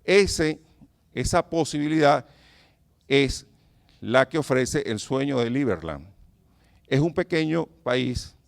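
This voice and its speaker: A man's voice: medium pitch, lively intonation, takes it slowly, vocal fry, pauses often. A Venezuelan man with a Venezuelan Spanish accent giving a public lecture as a professor, earnest and emphatic, putting rhetorical questions to his audience.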